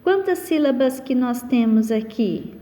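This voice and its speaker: Brief: woman teacher, patient, slow delivery, voice rises and falls a lot, ringing reverb around her. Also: on the high side, lively intonation, dark tone. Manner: slow, patient, questions and answers her own questions. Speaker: primary school teacher. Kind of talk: recorded online class lesson. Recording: long reverb.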